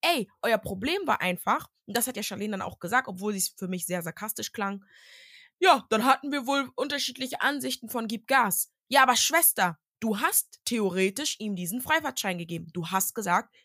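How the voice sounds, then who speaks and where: A young woman co-hosting a casual podcast chat, giving blunt, slangy opinions with lively emphasis. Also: medium pitch, no echo, studio quality. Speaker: podcast co-host.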